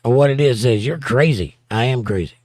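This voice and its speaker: Chuckling frequently, a Southern-accented livestream host teases his way through the chat as he reads viewer comments casually. The recording is studio quality with no echo, and his mid-range voice is slightly mellow at a normal speed.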